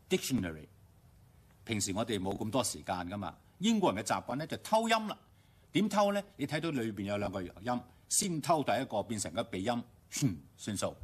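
A man with a Hong Kong Cantonese accent teaching English pronunciation on radio, explaining step by step and slowly modeling English words. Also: lowish voice, breathy edge. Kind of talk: radio language lesson. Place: radio studio.

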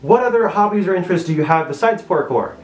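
A man's voice: sits high, lively intonation, fast talker, reverberant. A young man talking from inside a mask head, so his voice is muffled, answering viewer questions in a laid-back, chatty way. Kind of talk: casual Q&A vlog.

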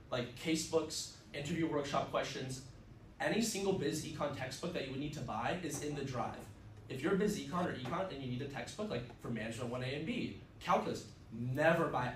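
Speaking at a medium pitch, a young adult man who grew up speaking Russian delivers an upbeat, chatty student club presentation loaded with fillers. He's recorded indoors from across a mid-sized classroom on a far camera, giving a roomy, distant sound with faint ambient noise.

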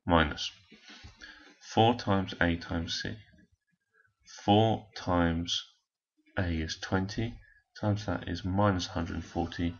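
A man's voice: low voice, husky, highs cut off. A man, walking through a maths exam question step by step as a teacher. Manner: step-by-step explaining, talking while working a calculator. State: hoarse. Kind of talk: recorded maths lesson walkthrough.

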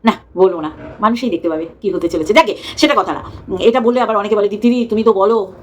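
A woman's voice: medium pitch, animated, fast. A woman giving a scornful, mocking commentary rant in a casual tone. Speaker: YouTube commentator.

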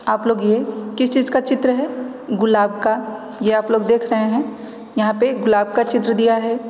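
A woman teaching a primary school class online, slowly and patiently sounding out each syllable for young pupils. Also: fairly high pitch, darkish tone, roomy sound, in a large hall.

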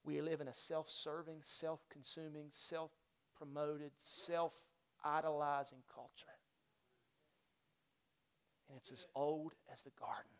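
High-voiced preaching pastor, man. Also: flat delivery, slow, clean tone. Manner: builds to loud fervent preaching, then drops to soft, near-whispered intensity; repetitive call-and-response exhortation. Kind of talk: sermon. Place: church sanctuary.

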